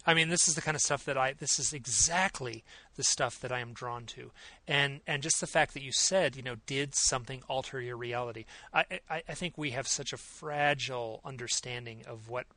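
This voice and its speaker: A male interview host with a bright, forceful tone, recorded close and dry with no room sound. He responds thoughtfully and with enthusiasm. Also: medium pitch, a little fast, no room sound. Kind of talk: conversational interview.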